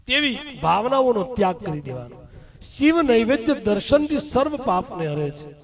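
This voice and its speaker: A high-voiced man delivers a devotional katha sermon. He swings between loud, soaring peaks and hushed drops. A crowd can be heard around this live recording. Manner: rises and falls dramatically, calling the audience dear ones. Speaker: religious storyteller.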